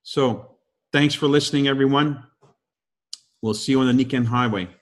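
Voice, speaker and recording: A man in his fifties speaks in a mid-range voice with a steady tone at a moderate pace. He is filling in as host of a leadership call, giving an inspiring talk full of emphatic rhetorical questions.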